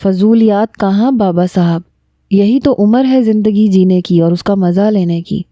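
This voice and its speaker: A cheeky young man who jokes and teases his family, in a soft, mellow tone, voiced by a woman narrator. The audio is dry and close-miked. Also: medium pitch, no room sound, highs cut off, natural voice. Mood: teasing. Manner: cheeky, joking. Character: teasing playful young man, older brother.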